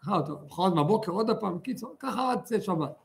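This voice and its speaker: A man's voice: sits high, gravelly. A man teaching a religious lesson with stories, speaking fervently and stretching words for emphasis. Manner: animated, fervent, drawn-out emphasis. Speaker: Torah teacher.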